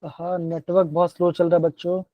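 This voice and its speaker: A man's voice: sits high, little pitch movement, fairly quick, no echo. Male chem teacher on an online class, keeps asking kids to answer, words, muffled dull stream, dry sound. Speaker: chemistry teacher.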